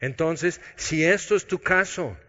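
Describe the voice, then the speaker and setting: A man preaching a sermon, swinging between loud emphasis and quiet intimate asides. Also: fairly high pitch, a little slow. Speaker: pastor. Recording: dull lo-fi audio with long hall reverb.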